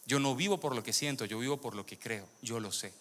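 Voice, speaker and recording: A man's voice: mid-range voice, brisk, fairly bright tone, slight background noise. A man born in Venezuela giving a sermon testimony to a congregation, questioning the audience and repeating phrases for emphasis. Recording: long hall reverb.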